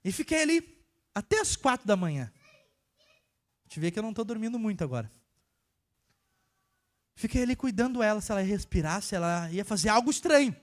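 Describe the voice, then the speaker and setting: A young man from preaching a casual sermon, telling a personal story and swinging between hushed and emphatic delivery. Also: high voice, animated, a little fast, pauses often. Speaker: church worker preaching.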